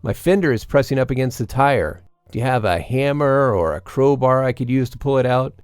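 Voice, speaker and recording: A man's voice: medium pitch, animated, brisk, smooth, dry recording, faint music behind, voice pushed up, close to an everyday voice. A man voicing a stranded truck driver who calls out urgently in a raised voice.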